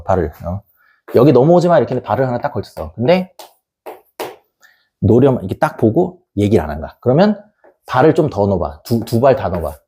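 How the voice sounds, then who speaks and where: A man's voice: mid-range voice, warm tone, breathy edge. A man giving a blunt, colloquial parenting lecture to camera, acting out little scenes and swearing freely. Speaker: education YouTuber and tutor.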